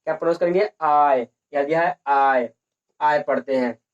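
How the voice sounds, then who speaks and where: Repetitive teacher. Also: male voice, fairly high pitch, normal speed, lo-fi sound. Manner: repetitive, asks and answers his own questions. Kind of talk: lesson on English pronunciation.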